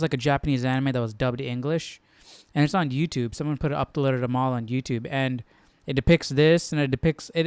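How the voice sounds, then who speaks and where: With a smooth, medium-pitched voice and no echo, this Bible study host speaks casually. He offers informal commentary on the Bible, reasoning aloud and regularly checking in with his listener.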